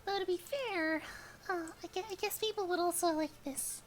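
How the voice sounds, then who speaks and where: An extremely high, cute anime girl streamer voice. She is shy and bashfully apologetic, with a sweet cutesy manner. She chats casually as she plays a game on a livestream. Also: normal speed, faint music behind. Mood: embarrassed, apologetic. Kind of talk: casual livestream chat while gaming.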